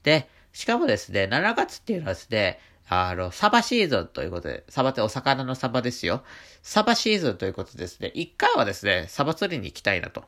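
A man with a congested, nasal voice from allergies, talking casually and haltingly as he hosts a solo radio monologue. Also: mid-range voice, wildly swooping pitch, fairly bright tone. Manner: chatty, halting, with frequent trailing sentence particles. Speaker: radio talk host, painter.

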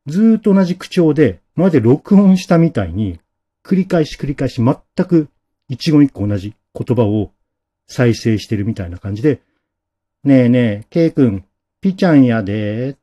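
A man narrating a ghost story dramatically, dropping to a hush at key moments. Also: medium pitch, expressive, moderate pace, slightly rough.

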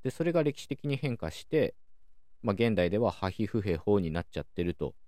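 A man hosting a calm solo talk show, explaining things in a measured way with many soft fillers. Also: fairly low pitch, dry recording, studio quality. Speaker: podcast host.

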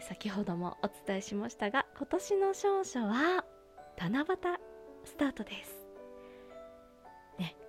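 A woman hosting an aroma talk show in a polite, gentle, murmuring monologue. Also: on the high side. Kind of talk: soft-spoken scripted-style monologue on aromatherapy. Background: music.

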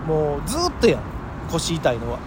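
A man in his forties with an Osaka Kansai accent, bantering casually as a comedian podcast host, chiding and quick to retort. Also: a little high, wildly swooping pitch. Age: 40s. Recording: loud-ish outdoor street traffic noise.

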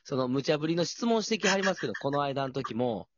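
A man's voice: fairly high pitch, expressive, quick pace, muffled recording, a little hiss or hum. A man with a Kansai Japanese accent co-hosting a casual chat podcast, teasing his partner with joking retorts. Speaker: podcast co-host.

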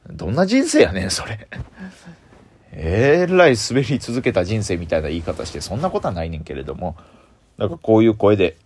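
Kansai-accented male comic, solo chat show, low voice with a swooping, animated delivery. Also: brisk, breathy edge. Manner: chatty, self-mocking, rising pitch when excited. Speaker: comedian and show host. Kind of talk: solo comedic radio talk.

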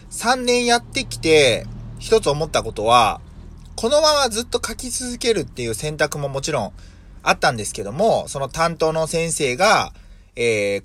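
Lively-voiced man rambling on a podcast. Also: medium pitch, no echo. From Mie, Japan. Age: 30s. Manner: rambling, thinking aloud with many fillers and self-corrections. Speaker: podcast host, vegetable farmer. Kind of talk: casual solo podcast talk.

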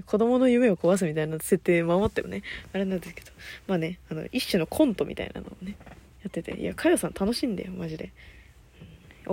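Rambling, husky-voiced woman radio host. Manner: rambling, loses her thread, laughs often; high-energy, lively talker. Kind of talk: casual solo chat.

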